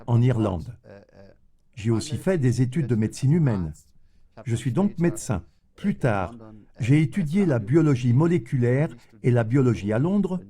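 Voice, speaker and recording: A man voicing an interview guest's answers in a measured, explanatory way. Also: medium pitch, warm tone, natural voice.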